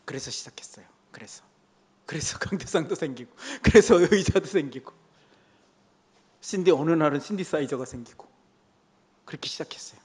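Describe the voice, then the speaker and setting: High-voiced older pastor preaching in a hall. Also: male voice, expressive, moderate pace, long pauses, darkish tone. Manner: emphatic, repeats key phrases. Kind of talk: Sunday sermon. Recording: reverberant church hall.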